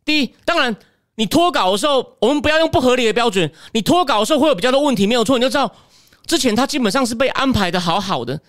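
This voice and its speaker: A man with a Taiwanese Mandarin accent delivers opinionated political commentary alone, pressing the viewer with rhetorical questions. His voice sits unusually high and he talks at a rapid clip. The sound is close and dry, with almost no room around it. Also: lively intonation, fairly bright tone, no room sound.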